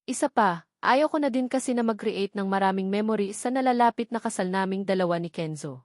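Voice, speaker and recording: Here a woman reads scripted narration of a first-person novel for an audiobook, speaking with a Filipino accent. There's no room sound in this studio-quality take, and her mid-range voice comes across a touch mellow.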